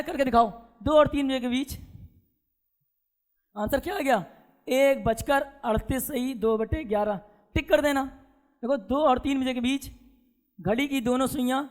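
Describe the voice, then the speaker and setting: A man's voice: very high voice, fairly bright tone, in a large hall. A male teacher giving a classroom lecture, drilling his students with repeated questions and having them chant answers back.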